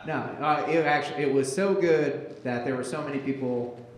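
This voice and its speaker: Give me a man hosting a live show in a big echoey room, rambling with self-mocking jokes. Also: mid-range voice. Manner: rambling, self-mocking, reads out scene directions. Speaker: comedy show host. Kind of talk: live stand-up show banter. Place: live venue with audience.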